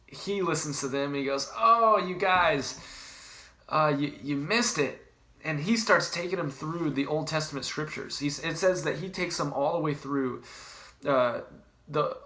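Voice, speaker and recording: A man's voice: on the high side, fairly bright tone. A man giving a casual video devotional, retelling a scripture story in a conversational way with plenty of fillers. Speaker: pastor.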